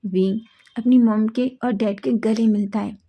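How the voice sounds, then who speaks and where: A woman narrates a fan fiction story in a relaxed, chatty manner. Her voice is slightly high and soft-toned, mellow rather than bright. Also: unhurried. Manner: casual, conversational.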